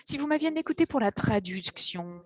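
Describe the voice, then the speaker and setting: A woman giving live interpretation of an online event's host and panelists, halting now and then with fillers as she keeps pace. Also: medium pitch, expressive, dry recording. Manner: halting, with fillers and restarts while keeping up with speakers.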